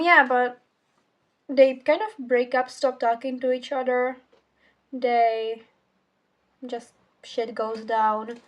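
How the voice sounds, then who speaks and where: A teenage girl who speaks Czech as her first language reviews a book as a vlogger, rambling, correcting herself, and swearing casually. Her voice is a little high, and the audio sounds dull.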